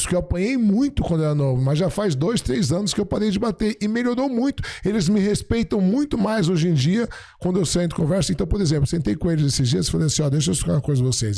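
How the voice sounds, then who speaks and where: A middle-aged man, a podcast guest, chatting casually and telling stories, acting out the dialogue he quotes in an animated way. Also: a little high. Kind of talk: casual storytelling chat.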